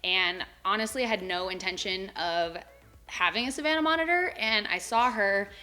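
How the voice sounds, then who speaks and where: A woman's voice: medium pitch, moderate pace, pushed and bright, faint music behind. A young woman chatting casually in a home pet vlog, with lots of "um" and "like". She is a little out of breath from walking back and forth. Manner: chatty, filler-heavy with frequent "um" and "like". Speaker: pet vlogger. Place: home animal room.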